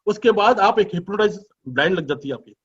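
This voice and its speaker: A man giving a business presentation as an informal sales pitch, chatty and persuasive, full of rhetorical questions and teasing asides. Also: lively intonation, fast, fairly bright tone, husky. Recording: dull lo-fi recording.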